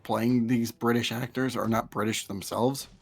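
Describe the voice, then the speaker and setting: Gravelly young man commenting on a game. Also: medium pitch, steady tone, normal speed. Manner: chatty, laughing, frequent restarts. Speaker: gaming channel co-host. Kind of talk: casual gameplay commentary.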